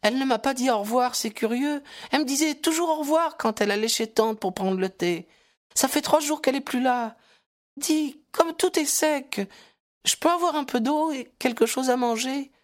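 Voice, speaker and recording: Chirpy little girl put on by a male narrator, way up high, babbling away, kinda distant and airy sounding. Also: normal speed. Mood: plaintive. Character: chatty, innocent little girl lost in a desert. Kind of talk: audiobook character voice.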